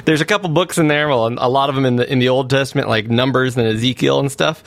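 A man's voice: mid-range voice, fairly even intonation, quick pace, gravelly, dry recording. A man co-hosting a retro gaming podcast, chatting casually, joking and laughing often. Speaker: podcast co-host. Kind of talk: casual chat.

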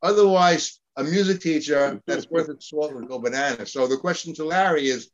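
A man chatting casually, rambling and halting as he tells a story. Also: fairly high pitch, muffled recording. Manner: rambling, halting with fillers and repeats. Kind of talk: casual chat.

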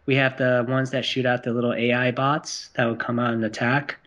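A man's voice: mid-range voice, flat delivery, fairly quick, fairly bright tone. Friendly male game developer guest. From Hong Kong. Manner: friendly, eager, with restarts. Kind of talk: casual podcast interview.

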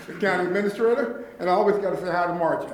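High-voiced man in an echoey room. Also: very fast, crowd noise. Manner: earnest, grateful, often checks in with "okay?". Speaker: nonprofit leader addressing county officials. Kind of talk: public meeting remarks. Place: meeting room.

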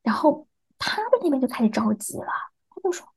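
A woman's voice: high-pitched, lively intonation, a little fast, gravelly, darkish tone, breathy edge. A young woman from China, a podcast interview guest, hesitantly recounting a personal experience and acting out remembered dialogue.

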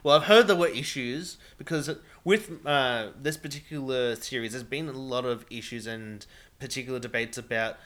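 A man's voice: medium pitch, normal speed, a bit bright. A man with an Australian accent hosting a casual podcast chat, rambling and filling his talk with "like". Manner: rambling, heavy use of "like". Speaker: podcast host.

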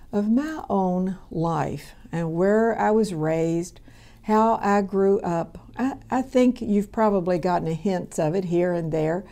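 Older lady doing a radio bible teaching, warm mellow voice, lots of um and uh, kinda rambly. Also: mid-range voice. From Kentucky, USA. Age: 70s. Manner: rambling, with frequent fillers and restarts.

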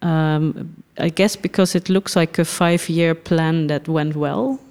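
Speaking in a clear, resonant, low-pitched voice with a steady tone, a middle-aged film festival director from the Netherlands gives a podcast interview. She considers her words carefully, often pausing and laughing softly.

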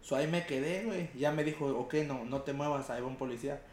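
A young man with a Mexican Spanish accent, telling an animated, slang-heavy story in casual chat and acting out the quotes. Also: medium pitch, fast talker, echoey room, a little hiss or hum.

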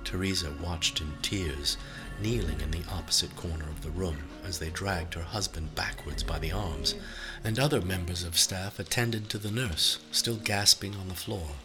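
A man reading an audiobook as its narrator, in an even, measured storytelling manner. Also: low-pitched, music in the background. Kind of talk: scripted narration.

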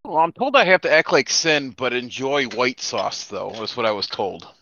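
A man's voice: mid-range voice, animated, moderate pace, bright, forceful tone, no echo. A man joking around as a guest on a gaming podcast. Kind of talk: casual podcast chat. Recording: dull lo-fi mic.

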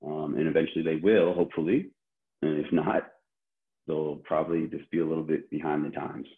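A Korean-born man is a guest in a casual conversational interview, rambling with lots of "like," fillers, and restarts. His voice rumbles low with fairly even intonation and a brisk pace, heard over a tinny, phone-like line.

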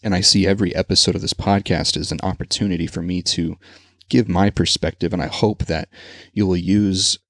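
A man's voice: deep voice, steady tone, fairly quick, a bit bright, no room sound, studio quality. A man hosting a solo podcast, talking in an earnest, rambling, conversational way. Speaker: podcast host. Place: Texas.

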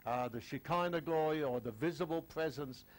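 An older man teaching a sermon, chatty with many fillers, reading scripture slowly, his voice a little croaky. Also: a little high, low-quality recording. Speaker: preacher.

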